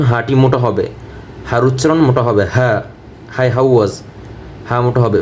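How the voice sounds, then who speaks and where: A man teaching Quran recitation word by word. He chants each phrase slowly and repeats it, then explains the pronunciation rules. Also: medium pitch, darkish tone, a little hiss or hum.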